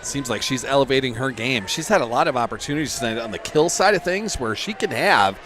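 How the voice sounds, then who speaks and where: A man doing play-by-play for a high school volleyball match, shouting over the big plays. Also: animated, quick pace, a little hiss or hum. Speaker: play-by-play commentator.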